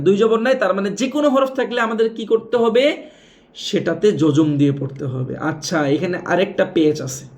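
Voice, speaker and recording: A man teaches Quran reading, spelling out letters and marks slowly, repeating them and quizzing his listeners. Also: high-pitched, darkish tone. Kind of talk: step-by-step spelling lesson.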